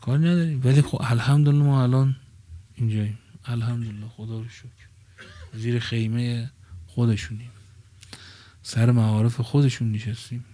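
A man giving a religious sermon at a gathering under a tent. He moves from quiet asides to loud, stressed phrases and slows down to draw out key words. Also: medium pitch, steady tone, no room sound. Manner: swings between soft asides and loud emphatic phrases, drawing out key words slowly. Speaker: preacher.

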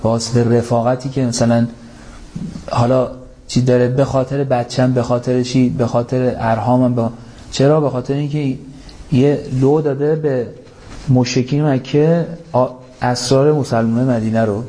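A man's voice: mid-range voice, fairly even intonation, mellow. A man giving a Quran commentary sermon, asking rhetorical questions and reciting Arabic verses, stressing key points with an emphatic rise. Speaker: religious lecturer.

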